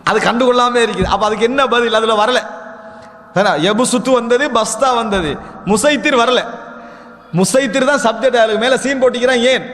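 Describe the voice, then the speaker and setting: A man's voice: extremely high pitch, brisk, fairly bright tone. A man gives an Islamic lecture. He addresses his listeners as brothers and poses rhetorical questions, then answers them himself. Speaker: Islamic preacher. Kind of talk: religious lecture. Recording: long hall reverb.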